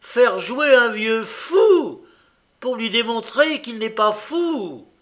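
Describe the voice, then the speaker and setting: A man's voice: fairly high pitch, lively intonation, takes it slowly, pitched above the performer's own voice, exaggerated voice. A man voicing an old, tormented gambler who turns desperate and furious. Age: older. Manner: anguished, rising to shouted rage.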